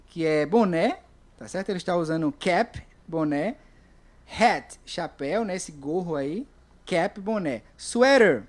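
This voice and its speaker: Brazilian woman, English teacher, online lesson, slow repetition, frequent check-ins. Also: mid-range voice. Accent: Brazilian Portuguese. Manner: repeats words slowly, checks in with "ok?".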